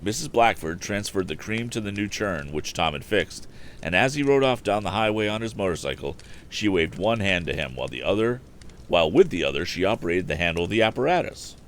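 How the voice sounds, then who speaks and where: A man hosts a storytime livestream, reading aloud with animation and tossing in casual asides through a streaming microphone. His low voice swings widely in pitch at a fairly quick pace, with faint background noise on the stream.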